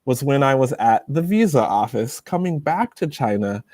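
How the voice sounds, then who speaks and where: A man from the United States, a YouTuber guest, casually telling animated anecdotes and laughing often. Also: medium pitch, moderate pace, no room sound. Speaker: interview guest, Chinese-teaching YouTuber. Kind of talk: casual storytelling in a video interview.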